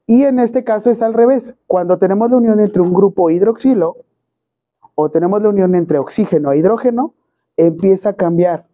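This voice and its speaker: A teacher with a Mexican accent lectures a class and keeps throwing questions at the students. The pitch sits in a middle range. The recording is thin and tinny, like a phone line. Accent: Mexican Spanish. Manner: quizzes students with constant rhetorical questions.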